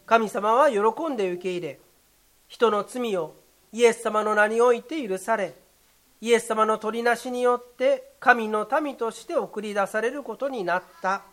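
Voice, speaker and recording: A pastor delivering a sermon in a measured, formal way, with occasional short fillers. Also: medium pitch.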